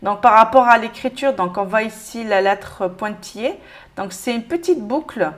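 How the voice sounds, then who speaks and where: Femme prof, voix assez aiguë, explique calmement, répète les mots lentement. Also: female voice, on the high side. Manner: patient, repeats each word slowly. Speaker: Arabic reading teacher. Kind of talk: step-by-step lesson.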